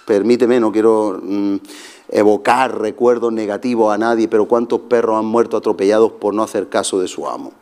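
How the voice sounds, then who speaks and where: A middle-aged man preaching a sermon as pastor, telling jokey stories with shouted asides. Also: fairly low pitch, steady tone, moderate pace.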